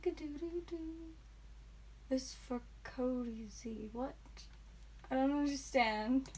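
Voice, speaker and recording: A woman with a high, slightly rough voice takes things slowly as she hosts a live card-opening stream where she sells cards. Tired and a bit loopy, she's chatty and giggly, talking with viewers and addressing them by name.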